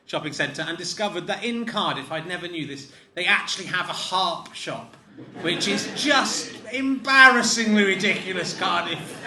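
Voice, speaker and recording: A man co-hosting a live comedy podcast on stage, teasing in a deadpan, mock-offended way. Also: sits high, moderate pace, a little hiss or hum. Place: live stage show before an audience.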